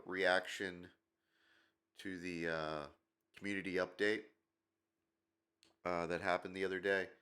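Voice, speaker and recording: His voice sits low with a sharp tone. A man hosting a gaming channel, he rambles through a casual commentary video, opinionated and full of fillers, his nose blocked by a cold.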